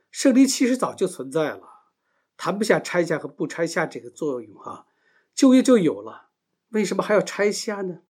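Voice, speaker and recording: A man teaching a Bible lesson speaks with a slightly rough voice pitched a bit above the typical male range. He works through his points one step at a time, frequently asking a question and then answering it. His volume swells and fades as he drifts closer to and farther from the mic.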